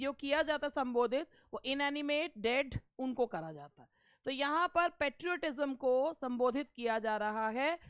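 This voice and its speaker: A woman English teacher running a live online exam-prep class, reading lines slowly and deliberately and playfully scolding her students. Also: high voice, clear, resonant tone, no echo, studio quality.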